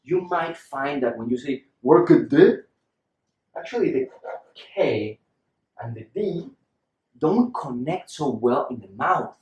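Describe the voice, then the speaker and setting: A man's voice: mid-range voice, animated, measured pace, roomy sound. A man teaching English pronunciation in a patient lesson style, repeating example words for the learner to copy.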